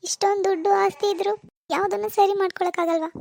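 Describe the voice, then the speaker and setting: A woman's voice: extremely high pitch, fairly even intonation, fast, gravelly, a little mellow. A woman voicing a tearful young married daughter in a cartoon, complaining and full of self-pity. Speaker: grieving daughter. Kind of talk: cartoon voice acting.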